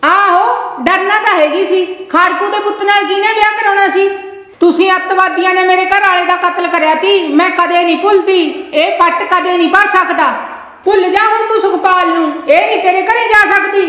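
A woman's voice: very high-pitched, steady tone, fairly quick, a bit bright. An actress playing an older, unforgiving village mother who scolds bluntly. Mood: stern, scolding. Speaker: mother-in-law in a village drama. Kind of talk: village family drama acting. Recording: echoey room with long reverb.

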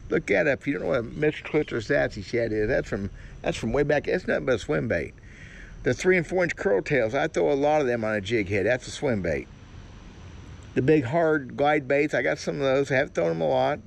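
A man's voice: medium pitch, gravelly, a little hiss or hum. Folksy older man rambling outdoors. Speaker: fishing vlogger. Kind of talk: casual outdoor musing. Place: kayak in a cypress swamp, outdoors.

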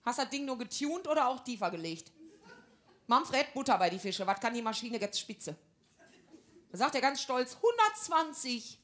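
Brash comedic housewife, higher voice. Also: female voice, expressive, moderate pace, pauses often. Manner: brash, gossipy housewife banter in broad slang. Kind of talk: stand-up comedy monologue.

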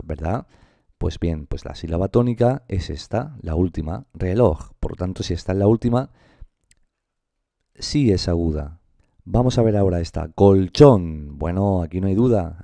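Deep gravelly man teaching grammar. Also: mellow, no room sound, studio quality. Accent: Spain Spanish. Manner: explanatory, addresses viewers directly, drawn-out example words. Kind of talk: online grammar lesson.

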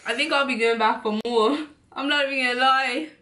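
A woman's voice: high-pitched, fairly even intonation, brisk, sharp tone, roomy sound. A young woman chatting casually during a food challenge, nervous and giggly, saying again and again that she is scared. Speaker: vlogger.

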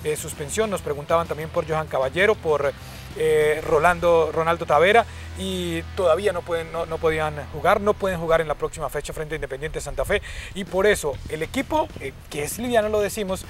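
A man in his thirties with a Colombian accent co-hosting a football show outdoors, giving unscripted analysis in halting phrases. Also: on the high side, soft background music. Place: outdoors in a park at night. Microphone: lapel mic.

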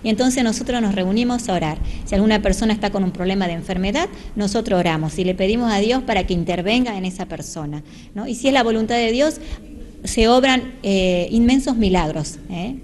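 A woman's voice: mid-range voice, fairly quick, darkish tone. Woman in her forties, earnest and inviting, church hall, handheld mic, faint hum behind. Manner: earnest, inviting, slips into preaching. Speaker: church volunteer. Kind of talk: local TV interview. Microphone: handheld reporter mic.

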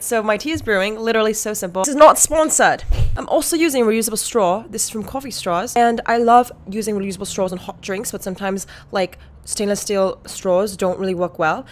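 A woman's voice: mid-range voice, fast, hardly any pauses. A young woman YouTuber and entrepreneur chatting to camera in a playful, put-on British-Australian accent, jokey and self-mocking. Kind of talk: casual vlog talk to camera.

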